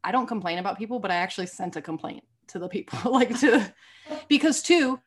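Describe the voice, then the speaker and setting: A woman's voice: medium pitch, lively intonation, brisk, a little hiss or hum. Chatty woman telling stories on a podcast. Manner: informal, peppered with slang. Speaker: podcast co-host. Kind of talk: casual chat and anecdotes.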